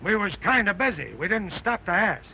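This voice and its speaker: An actor playing a plain-spoken, folksy western mine hand in stagey 1930s film style. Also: male voice, sits high, very animated, moderate pace, dull audio. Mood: dry, reporting. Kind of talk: stagey 1930s early talkie film acting. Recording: early film soundtrack, faint noise.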